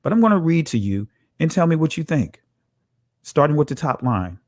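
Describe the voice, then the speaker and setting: A man teaching from slides, slow and emphatic, asking his listeners rhetorical questions. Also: a little high, big pitch swings, darkish tone, no room sound, studio quality.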